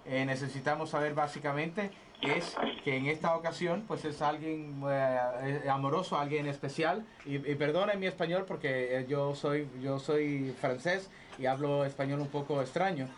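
A man playing an over-polite, hesitant chocolate salesman on a phone sales pitch, repeating himself. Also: moderate pace, few pauses, natural voice. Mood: courteous. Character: polite male chocolate salesman claiming to be French. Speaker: prank caller. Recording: noisy radio phone call.

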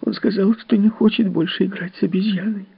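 A man's voice: high-pitched, steady tone, normal speed, dry recording, faint music behind, voice pushed up. Frightened crying little boy. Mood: tearful pleading. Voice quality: soft, breathy, tearful. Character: frightened crying small boy, timid and pleading. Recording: dull, dry audiobook recording.

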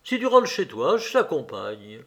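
Booming army captain, as a man reads him. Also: wildly swooping pitch, a little slow, full character voice. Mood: hearty. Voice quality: booming, thunderous. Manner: shouts orders, amused by his own voice. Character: loud hearty male army captain, gambler.

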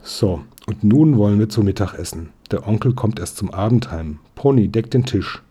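A man's voice: on the low side, lively intonation, warm tone, slightly rough. A man voicing a friendly, practical middle-aged aunt in a storybook reading. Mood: brisk. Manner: friendly, brisk.

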